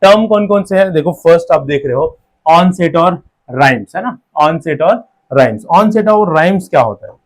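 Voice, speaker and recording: A man teaches an exam-prep lesson, his voice sitting a little higher than most men's. He explains step by step, sounding out each word slowly into its syllables and checking in with the listener after nearly every line. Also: expressive. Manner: explains step by step, breaks words into sounds slowly, repeats "theek hai". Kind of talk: classroom-style lecture.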